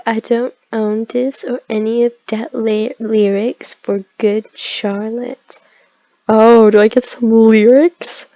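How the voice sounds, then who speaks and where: A woman's voice: on the high side, mellow, no room sound, lo-fi sound. A young woman reads bad fan fiction aloud for comedy, breaking off into sarcastic, exasperated commentary with frequent sighs. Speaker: YouTube host reading fan fiction aloud. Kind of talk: comedic dramatic reading with commentary.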